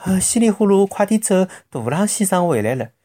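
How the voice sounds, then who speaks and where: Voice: mid-range voice, big pitch swings, fairly quick, mellow, voice pushed up. A storyteller voicing an anxious, helpful female bird who fusses urgently, with a Shanghainese accent. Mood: alarmed.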